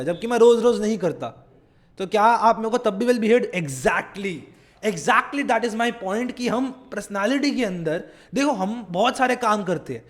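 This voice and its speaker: Energetic young Indian man teaching fast. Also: high voice. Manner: energetic, fast-talking, quizzes students. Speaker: psychology teacher. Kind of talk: online class lecture in Hinglish.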